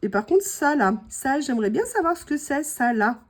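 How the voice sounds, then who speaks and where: Somewhat high-voiced French woman, a little hoarse, gushing casual vlog chat. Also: big pitch swings, moderate pace. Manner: chatty, gushing, many fillers. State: slightly hoarse. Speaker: craft vlogger opening mail.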